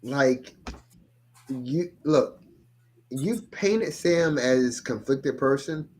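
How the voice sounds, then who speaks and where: A man holds forth in a relaxed podcast conversation, his voice rising and falling with lots of movement. He talks in an animated way and swears freely. His pitch sits in an ordinary middle range. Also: extremely slow, slight background noise. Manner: animated, swearing, acts out quotes. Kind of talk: casual podcast chat.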